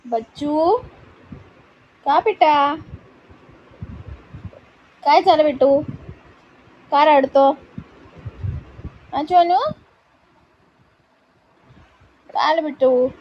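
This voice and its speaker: A woman's voice: on the high side, a little mellow, dull audio, slight background noise. A woman vlogger chatting casually at home, cooing baby talk to her pet dog in between. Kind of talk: casual vlog chat.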